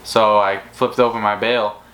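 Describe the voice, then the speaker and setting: Low-voiced man telling a rambling fishing story. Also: measured pace, low-quality recording. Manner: rambling, animated storyteller with many restarts. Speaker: fishing channel co-host. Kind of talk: casual storytelling chat.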